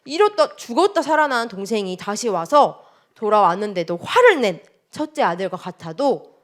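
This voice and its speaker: A woman teaching a children's sermon, telling a story and asking the children many questions in a lively, expressive way. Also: mid-range voice, moderate pace.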